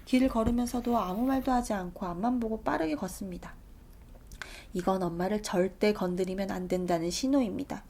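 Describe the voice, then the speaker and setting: A woman reading a children's picture book aloud with expressive narration and soft asides. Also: medium pitch, fairly quick. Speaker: storybook reader.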